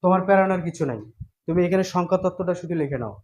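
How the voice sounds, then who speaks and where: A man's voice: high-pitched, lively intonation, racing, darkish tone. A man teaching an online exam-prep class in a casual lecturing style, repeating points and often checking that students follow.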